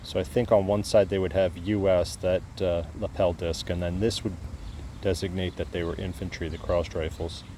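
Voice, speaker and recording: Faint outdoor noise sits behind a man with a fairly low voice. He narrates casually like a hobbyist vlogger out in the field. His delivery is a bit tentative, as if thinking aloud. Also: little pitch movement, normal speed, warm tone. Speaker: metal detecting hobbyist showing finds. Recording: clear outdoor background noise.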